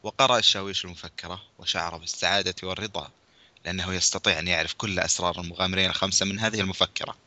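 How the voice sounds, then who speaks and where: A man's voice: low voice, fairly even intonation, sharp tone, no room sound, highs cut off. A man casually reading a children's mystery aloud, breaking off for joking asides. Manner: rapid, brisk reading, breaks off for crude joking remarks. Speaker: reader.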